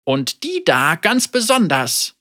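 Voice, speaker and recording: Slow and heavily acted, a storybook narrator's portrayal of an elderly woman who is both teacher and mother carries calm, dry wit and gentle teasing. The voice is high and lilting, with a lively melodic movement.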